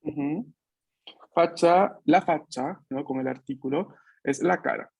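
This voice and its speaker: A man with a slightly high voice teaches an online language lesson over a video call from home. He is patient and keeps checking in with short questions. He drills his class with repeat-after-me sounds. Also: unhurried, vocal fry, a little mellow, slightly rough. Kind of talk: online Italian lesson for Spanish speakers.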